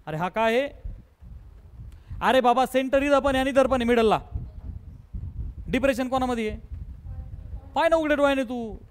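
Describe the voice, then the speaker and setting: A man's voice: extremely high pitch, smooth. A man teaches a physics class. He keeps firing questions at his students, slips English terms into his talk, and reaches for playful everyday examples. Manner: quizzes students with rapid repeated questions. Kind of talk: classroom lesson.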